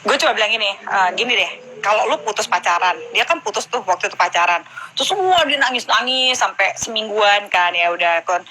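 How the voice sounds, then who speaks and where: A woman's voice: medium pitch, expressive, a little fast, bright, forceful tone, slight background noise, poor audio. A woman, a guest in a casual live stream chat, explaining frankly and acting out conversations with her daughter. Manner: frank, explanatory, acts out dialogue. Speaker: guest, mother of a teenage daughter.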